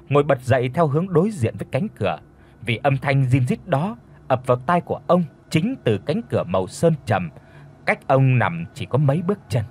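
A man reading a horror story aloud in an expressive, steady way. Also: mid-range voice, a little hiss or hum. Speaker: audiobook narrator. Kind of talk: scripted horror story narration.

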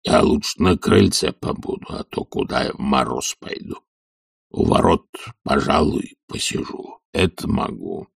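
Man reading as a stubborn old servant in an audiobook, slow, low, mumbling, gravelly and husky. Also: dry recording, studio quality, far from the mic, full character voice. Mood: grumbling. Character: lazy stubborn old male servant, grumbling.

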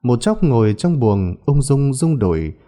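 A man narrating a ghost story in a dramatic, expressive storytelling voice. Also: mid-range voice, measured pace.

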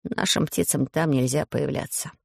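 A woman's voice: low voice, steady tone, normal speed, creaky, dry recording, clean studio sound, heavily acted. A woman doing a grave old pygmy professor. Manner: grave, sober, resigned.

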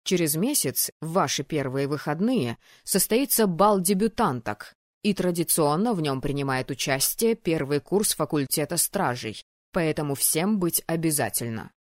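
A woman's voice: low-pitched, animated, normal speed, no room sound, clean studio sound. A woman reading an audiobook who voices a stern, cold male dean of a magic academy, speaking in a clipped, commanding, formal way. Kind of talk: audiobook character voice.

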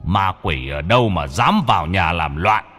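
A man's voice: sits low, animated, moderate pace, fairly bright tone, in a large hall, soft background music. A man voicing a righteous male guardian spirit who rebukes with command.

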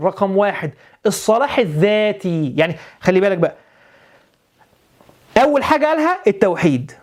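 A man with an Egyptian Arabic accent giving a religious lesson, often repeating phrases and putting rhetorical questions to his listeners. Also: high-pitched. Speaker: preacher.

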